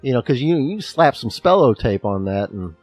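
Lively man with a slight lisp. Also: mid-range voice, moderate pace, soft background music. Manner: animated, rambling with restarts. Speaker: podcast co-host. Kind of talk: casual chat about a book chapter.

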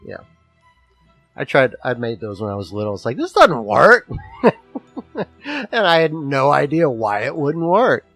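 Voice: mid-range voice, big pitch swings, unhurried, long pauses, breathy edge, faint music behind. A podcast co-host chatting casually, playful and teasing, with lots of "like". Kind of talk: casual chat.

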